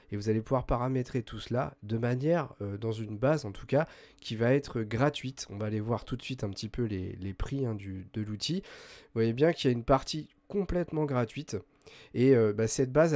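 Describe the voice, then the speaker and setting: A man hosting a software tutorial, explaining step by step in a chatty way, full of hesitations and self-corrections. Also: medium pitch. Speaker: host of a web tools tutorial channel. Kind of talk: screen-recorded software tutorial.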